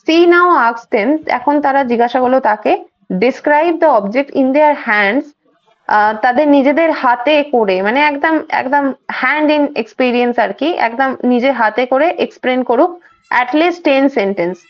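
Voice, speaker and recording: Woman teacher, Bengali accent, high voice, reads English and explains, dull video-call sound. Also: animated, slow. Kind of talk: online exam-prep class.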